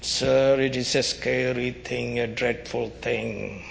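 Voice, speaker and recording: A man preaching a fire-and-brimstone sermon like a doomsday street preacher, with stern, urgent warnings and solemn, deliberate, emphatic phrasing. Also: mid-range voice, steady tone, creaky. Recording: dull, noisy recording in reverberant hall.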